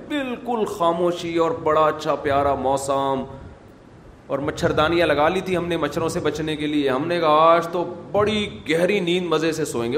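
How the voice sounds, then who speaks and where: Animated male preacher in an echoey hall. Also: fairly high pitch. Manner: animated storytelling with sharp swings in loudness. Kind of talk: sermon. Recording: echoey hall with faint noise.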